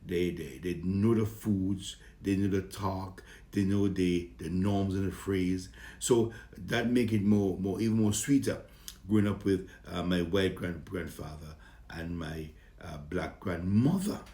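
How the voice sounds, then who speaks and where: A comedian from Saint Vincent and the Grenadines and the British Virgin Islands introduces himself to his fans, jovial and rambling, in a Vincentian accent. He has a low, slightly mellow voice, and the sound is roomy.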